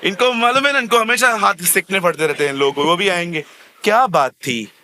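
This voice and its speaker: A man preaching as a pastor in a church, animated and acting out little scenes of everyday people, slipping English words into his sermon. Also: sits high, fast talker. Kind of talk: lively sermon.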